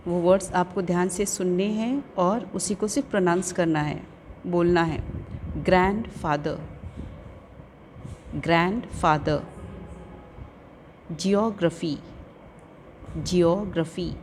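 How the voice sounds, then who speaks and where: Woman teacher in a slow, careful lesson. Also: lowish voice, darkish tone, a little hiss or hum. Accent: Urdu-speaking Indian. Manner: slow, careful pronunciation of English words, repeating each twice. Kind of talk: classroom lesson explanation.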